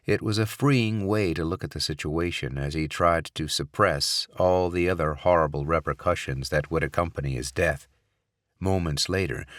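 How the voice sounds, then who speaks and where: Brief: male audiobook narrator, lowish voice, steady and measured, dry close sound. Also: dry recording. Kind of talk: scripted thriller narration.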